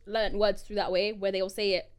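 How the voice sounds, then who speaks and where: A woman's voice: medium pitch, level tone, normal speed, a crowd in the background. A woman co-hosting a podcast, explaining her points thoughtfully in casual chat. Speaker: podcast co-host.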